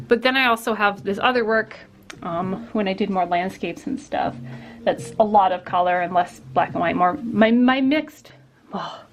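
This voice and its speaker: A woman artist hosting a casual studio vlog, talking while she paints, rambling with lots of fillers and restarts. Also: mid-range voice. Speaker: artist and vlogger. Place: home art studio.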